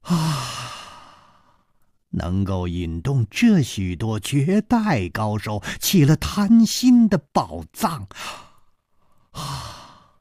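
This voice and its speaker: A lively, teasing young woman with a lilting, bouncy voice, as a male storyteller puts her on. She swings between high and soft tones, in a husky voice. The recording is dry. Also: unhurried, no echo, exaggerated voice.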